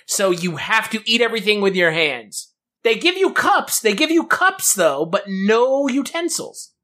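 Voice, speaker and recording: A man co-hosts a podcast, riffing comically and casually about an old TV show with incredulity and some swearing. His high voice is very animated and sharp in tone, yet unhurried.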